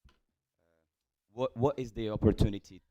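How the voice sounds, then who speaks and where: A man asking a question as a student, in halting non-native phrasing. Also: mid-range voice, fairly even intonation, mellow, no echo. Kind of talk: spontaneous audience question.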